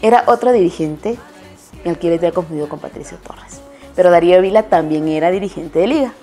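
A woman's voice: fairly low pitch, fast talker, mellow, faint music behind. A woman sports journalist with an Ecuadorian accent, chatting in an interview and telling stories, with many restarts and self-corrections. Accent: Ecuadorian Spanish. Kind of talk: casual interview answers and storytelling.

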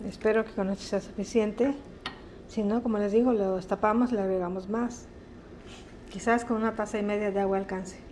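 A woman hosting a casual home cooking demonstration, chatting in a homely, unhurried way in an indoor kitchen. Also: mid-range voice, steady tone, warm tone. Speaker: host of a home cooking channel. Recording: faint-to-clear background noise, home kitchen.

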